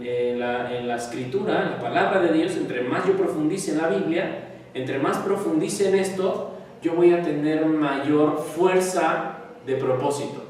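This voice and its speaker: Guy preaching, kinda high voice, big echoey hall, mic far away, gets loud then goes quiet. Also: slight background noise. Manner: dynamic, swings from loud emphasis to quiet asides. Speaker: spiritual teacher. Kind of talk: spiritual talk.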